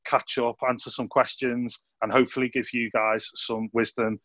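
A man's voice: medium pitch, little pitch movement, normal speed, a bit bright, dry recording. A man hosting a casual youth video call interview from his living room, chatty and upbeat. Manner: chatty, upbeat, calls people mate. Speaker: youth ministry host. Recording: dry, dull lo-fi video call audio.

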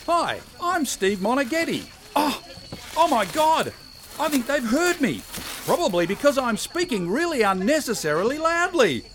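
A man's voice: very high voice, big pitch swings, moderate pace, a bit bright, a little hiss or hum, exaggerated voice. A man playing a naive, cheerful jogger in a comedy audio drama, overacting like a hammy stage actor and declaiming his lines. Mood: melodramatic alarm. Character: unassuming male jogger, cheerful, naive, melodramatically alarmed.

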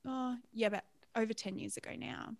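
A woman's voice: fairly high pitch, fairly quick, no room sound. A woman in her thirties with an Australian accent, telling her life story frankly and reflectively as a podcast guest. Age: 30s. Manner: reflective, frank, laughs easily. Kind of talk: candid personal story in a podcast interview.

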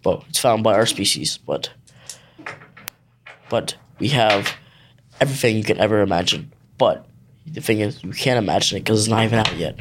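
A man's voice: on the low side, moderate pace, pauses often. Boastful rambling young man, faint background noise. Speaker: podcast guest. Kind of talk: improv game role-play.

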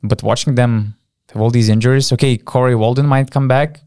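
A man co-hosting a basketball podcast, explaining his points in casual, measured sports discussion. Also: mid-range voice, fairly even intonation, a little mellow, clear, resonant tone, dry recording, studio quality.

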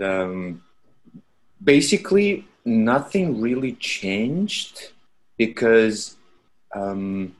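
A man with a Russian accent and a very low, deep voice talks in a relaxed podcast chat. He speaks haltingly, restarting phrases as he hunts for the right English words. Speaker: podcast guest. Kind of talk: casual chat.

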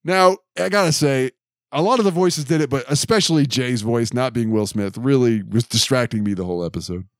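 A man's voice: mid-range voice, fairly quick, no echo, studio quality. A man co-hosting a podcast in casual chat, recapping the plot and adding trivia. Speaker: podcast co-host.

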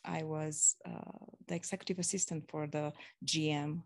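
Lower-voiced woman from Romania. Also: flat delivery, moderate pace, a little hiss or hum. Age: 40s. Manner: modest, laughs between phrases. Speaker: podcast guest. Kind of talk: casual interview storytelling.

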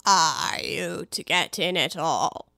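A woman voicing a slow, imperturbable male footman in a storybook reading, with a very slow, deep drawl. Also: vocal fry, bright, forceful tone, no room sound, studio quality, full character voice. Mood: deadpan drawl. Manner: very slow, deep, dragging delivery. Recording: noisy with clicks.

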